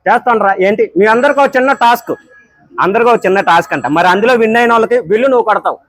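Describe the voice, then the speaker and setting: A man bantering and teasing people at a tea stall, joking and exclaiming loudly. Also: high-pitched, racing, no echo. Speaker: vlogger. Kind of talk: playful street banter.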